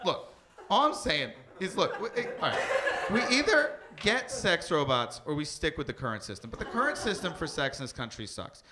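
A young man performs stand-up with a high, swinging voice that climbs and drops as he acts out the people in his stories. The room is noisy around him. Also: fairly quick. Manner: animated, acts out quoted voices, laughs mid-line. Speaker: stand-up comedian. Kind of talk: stand-up comedy set. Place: barbershop before a live audience.

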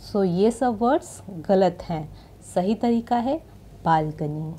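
A woman with an Indian accent hosting her channel and teaching English pronunciation, pronouncing each word clearly and carefully. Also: mid-range voice, takes it slowly, mellow, a little hiss or hum. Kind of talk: slow, deliberate pronunciation lesson. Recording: music playing behind.

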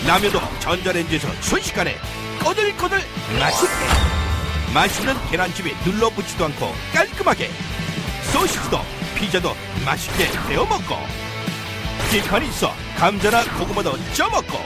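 A woman narrating a hard-sell shopping ad in an urgent, exclamatory sales pitch. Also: wildly swooping pitch, normal speed. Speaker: TV shopping ad voice-over announcer. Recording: loud backing music. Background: loud music.

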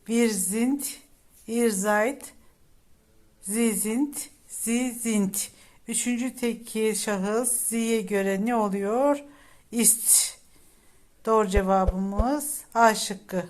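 A woman's voice: on the high side, extremely slow, a little mellow. A woman teacher, going through exam questions one by one, reading each option aloud and then giving its meaning. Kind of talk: exam prep lesson walking through test questions.

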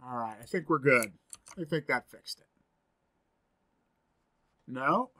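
A man's voice: medium pitch, lively intonation, slow, bright, forceful tone. A man in his forties giving a screen-recorded coding tutorial from a home office, thinking aloud as he types, upbeat and chatty. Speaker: programming instructor.

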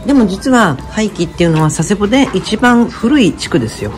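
A woman's voice: mid-range voice, brisk, over music. A woman with a chatting and teasing her companion on a casual walking vlog. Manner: chatty, teasing, lively dialect banter. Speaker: travel vlogger.

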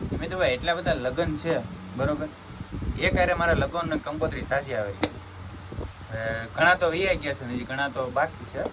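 A man's voice: on the high side, noisy background. A man, chatting casually as a family vlogger and calling his viewers brother. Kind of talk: casual vlog chat. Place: outdoors, then a shop.

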